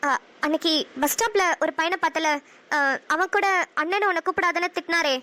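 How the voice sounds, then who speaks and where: A woman voicing a gentle, lovestruck young elder sister in a cartoon, soft and coaxing, with a Namakkal Tamil accent. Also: very high-pitched, fairly quick, slight background noise. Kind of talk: cartoon voice acting.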